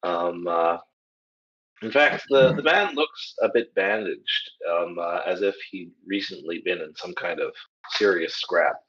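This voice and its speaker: A man's voice: low-pitched, a little slow, fairly bright tone. A man narrating as game master, hesitant and full of ums and restarts. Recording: dull lo-fi audio.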